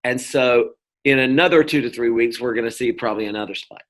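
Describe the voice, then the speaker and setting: A middle-aged man from North Carolina in the US South rambles casually as an interview guest, full of fillers and restarts in relaxed conversation. He talks fast in a medium-pitched, slightly bright voice.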